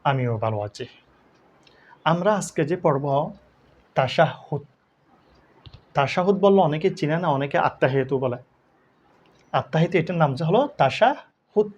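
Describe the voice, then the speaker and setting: A man teaching Quran recitation, spelling letters and vowel marks one by one and then drawing out each word slowly. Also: mid-range voice, breathy edge. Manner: slow, drawn-out syllable-by-syllable recitation.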